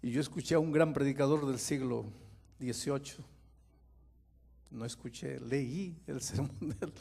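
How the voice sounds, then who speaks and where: Gravelly-voiced pastor preaching with drama. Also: male voice, medium pitch, unhurried. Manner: dramatic, swings from quiet telling to loud impassioned pleading; speaks to listeners directly with questions. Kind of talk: preaching a sermon.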